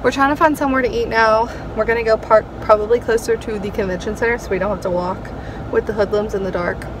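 Young woman vlogger, higher voice, chatty and excited, phone mic, noisy background. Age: young adult. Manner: chatty, excited fan talk. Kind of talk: casual vlog chat. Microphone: phone at arm's length. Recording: phone vlog with background noise.

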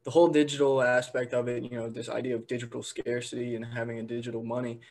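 A man's voice: mid-range voice, flat delivery, quick pace, gravelly, a little mellow, a little hiss or hum. A nineteen-year-old man, a guest on a video-call interview, talking earnestly and restarting words as he thinks. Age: teens.

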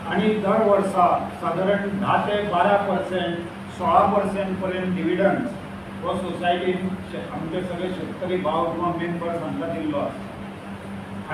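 Older Goan man, high-pitched, addressing the press in a steady, formal way, picked up from a distance. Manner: steady, listing names and figures. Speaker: cooperative society official at a press conference. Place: hall with a banner behind a panel. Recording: echoey hall, distant mic, noisy.

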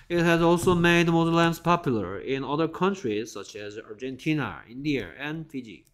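A man teaching an exam-prep English class to Korean students. He reads English sentences slowly, explains them, and keeps asking the class whether they follow. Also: medium pitch. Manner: repeats checking questions, reads English slowly then explains.

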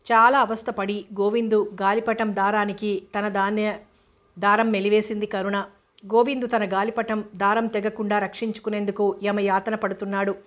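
Woman reading a story in a flat tone. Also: mid-range voice.

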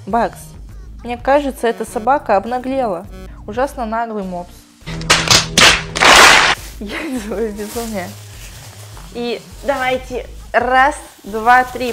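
This young woman's voice is fairly high, bright and forceful, and she speaks slowly with frequent pauses over soft background music. She's casually vlogging from a bathtub in a small tiled bathroom, playfully chatting to her dog and viewers as she opens toys, with a lapel mic doing the recording.

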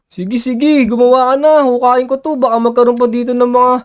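A man with a high, smooth, clear voice hosts a Minecraft let's-play. He is excitable and bossy, and he keeps urging his partner to hurry. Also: brisk. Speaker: gaming channel host.

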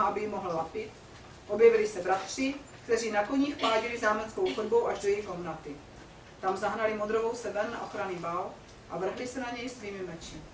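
A woman's voice: mid-range voice, a little hiss or hum. A woman lecturer reading a fairy tale aloud and then asking her audience questions about it. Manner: reads dramatically, then asks the audience questions. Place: lecture hall. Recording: echoey hall from far off, faint ambience.

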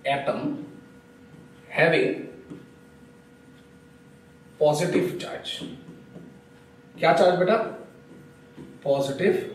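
A man from Assam giving a chemistry lecture, coaxing his students and often checking that they follow. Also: high-pitched. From Assam, India. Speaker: chemistry teacher. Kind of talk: classroom lecture. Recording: very echoey room, voice from a distance.

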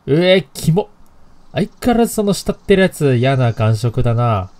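A man's voice: medium pitch, sing-song, normal speed, darkish tone. A man playing a horror game, commenting casually, reading lines aloud and joking. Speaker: game streamer.

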